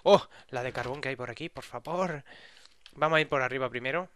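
A man's voice: mid-range voice, brisk, a bit bright, clean tone, no echo. A man with a Spain Spanish accent giving casual, chatty commentary while exploring a game, talking to himself out of curiosity. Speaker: gaming YouTuber.

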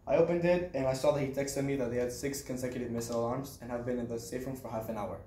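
A young man from Israel, somewhere between teenager and young adult, gives a prepared personal speech as a student in a small classroom. His mid-range voice is warm and steady in tone, and he speaks fast. A camera on a desk several metres away picks him up, so the recording sounds roomy and distant, with faint noise.

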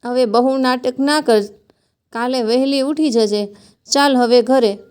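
A caring older brother comforts his little sister with tender, soothing teasing, as a woman puts him on. The voice stays high and smooth, read like a storybook. It has a gentle, loving warmth throughout. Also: measured pace.

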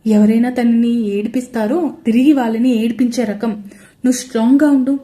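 A woman's voice: on the high side, fairly even intonation, moderate pace, dark tone, close to an everyday voice. A woman doing a firm, coaxing sister-in-law. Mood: encouraging. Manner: coaxing, encouraging.

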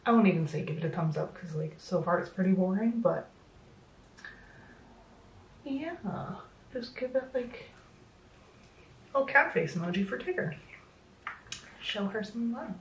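With a medium pitch and an animated yet unhurried manner, a makeup vlogger in her thirties pauses often as she casually talks through a tutorial, self-deprecating and filler-heavy. Her voice is a little worn, as she's slightly losing it. The small home room sounds echoey, she's somewhat distant from the mic, and there's slight background noise.

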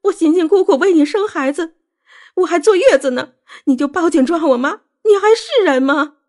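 A woman voicing a hysterical young wife who shouts and accuses in a shrill, tearful voice. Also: sing-song, fairly quick. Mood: shrill hysteria.

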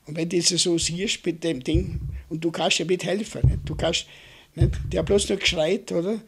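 An older man with a Vorarlberg Austrian German accent, recounting his war memories in a halting way, repeating words and tagging "nicht?" onto nearly every sentence. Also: fairly high pitch, steady tone, creaky, a bit bright, slightly rough. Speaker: war veteran interviewee. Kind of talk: oral history recollection.

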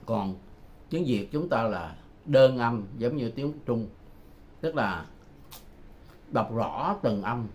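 A man's voice: medium pitch, animated, slow pace, pauses often. An older man gives a home-made language lesson, patiently repeating phrases to drill pronunciation. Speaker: language teacher. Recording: muffled home recording with background noise.

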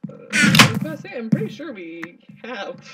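A woman's voice: on the high side, very animated, normal speed, over loud music. A young woman playing along with her friend, chatting casually and laughing at her own slips of the tongue. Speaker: co-player friend. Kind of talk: casual gameplay chat. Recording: distant mic with loud background noise.

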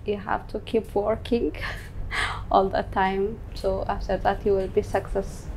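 A woman in her thirties from Ethiopia, a salon owner answering interview questions in simple English with many pauses and fillers. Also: mid-range voice, little pitch movement, darkish tone, a little hiss or hum. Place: indoor room. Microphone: lapel mic.

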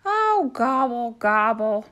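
A woman voicing a squeaky, anxious turkey. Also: very animated, slow, fairly bright tone, exaggerated voice. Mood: pleading. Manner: squeaky, pleading, gobbling exclamations. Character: anxious male turkey, desperate and plucky.

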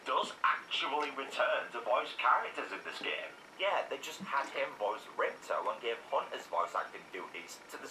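A man narrating a scripted critical game review, sarcastic and opinionated. His voice is very bright and lively. It sounds roomy, echoey and set back from the mic. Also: on the low side. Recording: echoey room, distant mic, faint noise.

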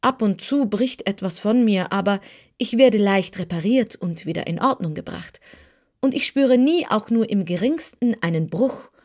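A woman's voice: medium pitch, expressive, normal speed, a little mellow. A woman voicing a living wooden sawhorse that speaks earnestly and politely, in a storybook reading. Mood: curious. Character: living wooden sawhorse, modest yet proud.

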